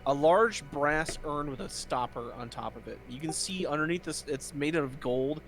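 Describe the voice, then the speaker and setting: A man's voice: a little high, moderate pace, fairly bright tone. A man working as game master, narrating a tabletop role-playing game in an informal way. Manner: informal, with spoken sound effects. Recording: music behind the voice.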